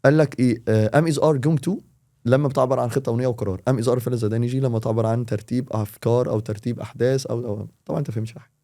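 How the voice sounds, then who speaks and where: Fast-talking Egyptian teacher, dark voice. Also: male voice, medium pitch. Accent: Egyptian Arabic. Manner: animated, explains with quick examples. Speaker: English teacher, podcast guest. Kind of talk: casual podcast chat.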